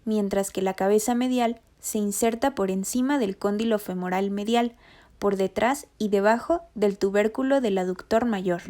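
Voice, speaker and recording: A woman giving a scripted, methodical narration for a rehabilitation lesson, reading anatomy terms in an even voice-over. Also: medium pitch. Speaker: rehabilitation instructor.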